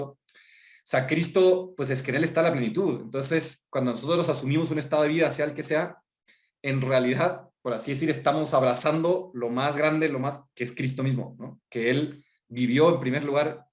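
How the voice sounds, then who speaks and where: Podcast guest, man, reflective and wordy, roomy echo, mid pitch. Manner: thoughtful, many filler tags and self-corrections. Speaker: guest speaker on vocations.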